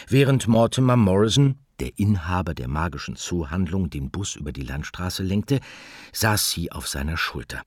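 A man narrating a children's audiobook in a calm, even storytelling manner. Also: rumbling low, husky, dry recording, studio quality.

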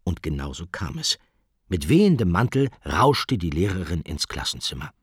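A man narrating a children's storybook in a lively, expressive reading style. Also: low-pitched, moderate pace, slightly rough, no echo, studio quality. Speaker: audiobook narrator.

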